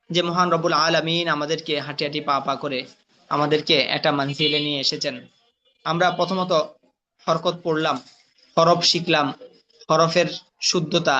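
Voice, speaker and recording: Man spelling syllables slowly, lo-fi. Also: fairly high pitch, pushed and bright. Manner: slow drilled spelling, syllable by syllable. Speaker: Quran reading teacher. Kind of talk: recorded spelling lesson. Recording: dull lo-fi recording.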